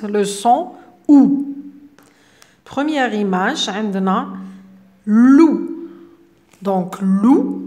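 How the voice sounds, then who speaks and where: A woman with an Algerian accent explaining a children's French workbook exercise and pronouncing the French words slowly and carefully. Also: medium pitch, a little mellow. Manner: slow, careful French pronunciation with repeated words. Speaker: teacher.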